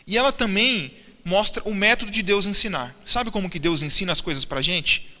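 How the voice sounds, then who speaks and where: A man's voice: high-pitched, brisk, sharp tone. A man preaching a sermon in church, asking the congregation questions and answering them himself. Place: church hall. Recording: church sermon with long reverb and faint music.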